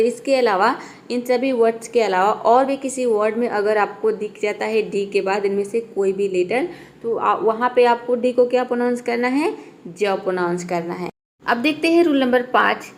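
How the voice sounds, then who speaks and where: A woman English teacher giving a beginners' pronunciation lesson, explaining patiently step by step and repeating each word slowly. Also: a little high, slight background noise.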